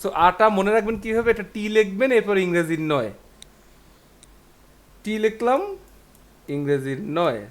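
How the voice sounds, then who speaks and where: A man, sitting higher than most men, teaches a beginner language class. He takes his time, drilling each syllable and answering his own questions. His delivery is patient and repetitive. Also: animated, unhurried, long pauses. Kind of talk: classroom lesson.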